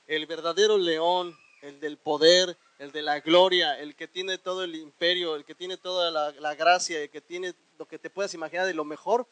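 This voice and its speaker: A pastor with a high voice delivers a sermon in a lively, animated way. He keeps asking his listeners questions and tells them to repeat phrases after him, and he swings between quiet lines and sudden loud bursts. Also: poor audio.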